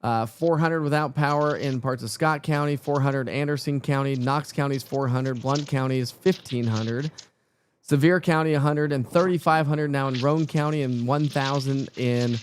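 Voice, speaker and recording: A man's voice: mid-range voice, fairly even intonation, moderate pace, slight background noise. A man presenting live severe weather coverage off the cuff, talking informally and directly to viewers.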